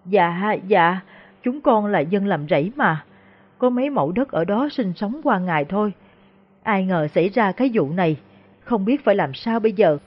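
A woman's voice: mid-range voice, expressive, moderate pace, natural voice. A frightened peasant woman, voiced by a female storyteller stammers humbly in a voice. She sounds deferential and anxious. The recording is dull and lo-fi. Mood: anxious pleading.

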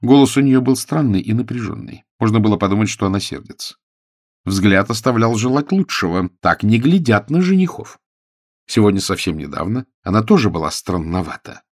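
A man narrating an audiobook with a lively, expressive reading. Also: fairly low pitch, a little fast, dry recording, studio quality.

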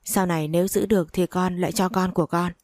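A woman's voice: fairly low pitch, fairly even intonation, a little fast, darkish tone, no echo, clean studio sound, close to an everyday voice. A woman reading the lines of a timid young bride who answers politely and deferentially. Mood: pleading.

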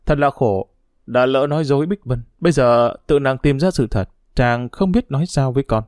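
A man narrating a novel aloud in a steady storytelling voice. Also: medium pitch, normal speed, no echo, clean studio sound.

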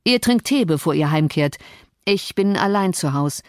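A woman's voice: on the low side, lively intonation, moderate pace, a little mellow, no echo, close to an everyday voice. A brooding, cruel landowner who taunts and commands with icy sarcasm, voiced by a woman reading an audiobook. His lines come across cold and threatening. The recording is dry and close, with no room sound. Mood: mocking.

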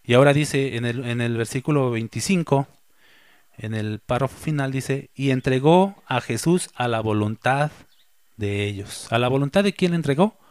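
A man preaching a sermon as a pastor. He reads scripture aloud and slowly repeats the key phrases for emphasis. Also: mid-range voice, expressive, darkish tone, smooth, dry recording.

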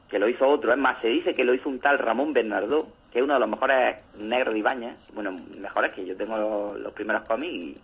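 A man co-hosting a radio show, casually retelling a comic with lively acted-out lines. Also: mid-range voice, slightly rough. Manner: animated storyteller, acts out comic scenes. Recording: lo-fi phone-like radio sound.

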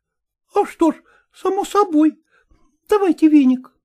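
A woman's voice: very high-pitched, animated, unhurried, mellow, pitched above the performer's own voice. A woman voicing a naive, tearful young peasant girl who pleads in simple village speech. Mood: pleading.

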